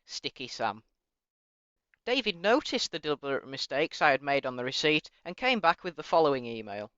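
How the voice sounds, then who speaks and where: Male host, sarcastic, deadpan reading, fairly high, dry and slightly muffled. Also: quick pace, clear, resonant tone, no room sound. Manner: mock-polite, sarcastic and deadpan. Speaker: channel host narrating. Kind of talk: scripted comic narration reading emails aloud.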